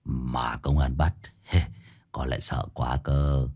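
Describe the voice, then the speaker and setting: A man voicing a drunk, cheeky young male disciple with a low, muttering drawl. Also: steady tone, very slow, a little mellow, breathy edge, full character voice. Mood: drunk boastful.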